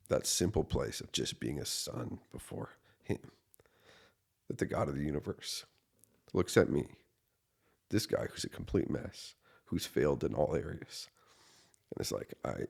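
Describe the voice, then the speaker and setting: Deep gravelly-voiced man telling his story. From United States. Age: 30s. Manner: earnest and emotional storytelling, swinging from quiet to loud. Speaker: associate pastor. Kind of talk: personal testimony in a podcast interview.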